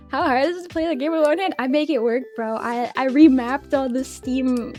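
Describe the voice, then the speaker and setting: Young female VTuber, casual stream chat, excitable, laughs a lot, swears, lively pitch swings. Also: unhurried, faint music behind. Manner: excitable and giggly, swears freely.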